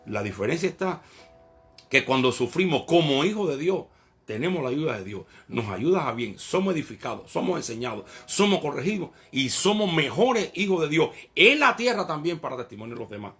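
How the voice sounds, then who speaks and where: A man preaching a sermon in an animated way, often addressing the listener as brother. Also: a little high, fairly quick, soft background music.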